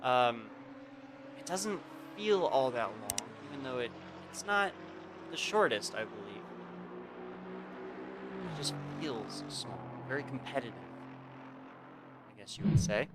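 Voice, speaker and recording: A man's voice: medium pitch, very animated, unhurried, pauses often. A man hosting a live sim racing stream, giving casual race commentary and chatting directly to his viewers. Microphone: home streaming mic. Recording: game car engine noise behind voice. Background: racing game engine and track sounds.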